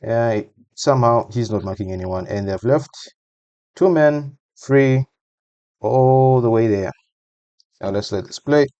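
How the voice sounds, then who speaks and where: A man's voice: mid-range voice, a little slow, pauses often, dark tone, no echo, lo-fi sound. A man giving a casual voice-over breakdown of a football match, talking conversationally and repeating phrases for emphasis.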